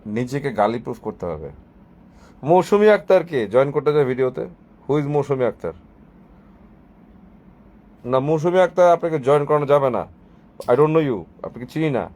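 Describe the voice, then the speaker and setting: A man's voice: medium pitch, lively intonation, normal speed, long pauses, a little mellow. A man talking on his own live stream, mocking and sarcastic, dropping English phrases into his speech. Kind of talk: casual live-stream monologue.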